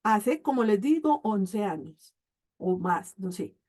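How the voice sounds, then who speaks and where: A woman's voice: medium pitch, big pitch swings, takes it slowly, a little mellow. A middle-aged woman, a life coach telling a personal story to her online group in a casual, chatty way and often checking in with "¿sí?".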